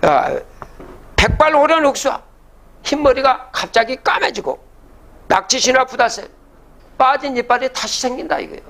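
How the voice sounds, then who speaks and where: A man's voice: very high voice, animated, moderate pace, pauses often, a bit bright. An older man giving a public lecture, reciting old verses and then explaining them, often asking the audience rhetorical questions.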